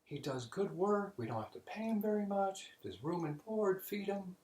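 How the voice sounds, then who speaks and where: Brief: fussy high-voiced cardinal, put on by a man telling a joke, slow and dismissive, roomy echo. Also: animated, warm tone.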